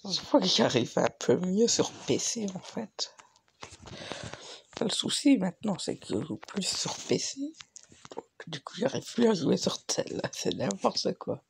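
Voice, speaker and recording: A young man doing casual gameplay commentary, his voice hoarse and cracking from being sick, muttering to himself. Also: high-pitched, very animated, a little slow, a little hiss or hum. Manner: frustrated swearing, muttering to himself. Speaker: gaming video host.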